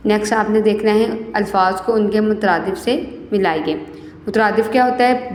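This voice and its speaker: A young woman teacher explaining a lesson step by step, mixing in English words, checking understanding with repeated questions, and reading verse slowly and carefully. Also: medium pitch, darkish tone. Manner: mixes English words into her speech. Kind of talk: classroom lesson. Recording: echoey room with faint background noise.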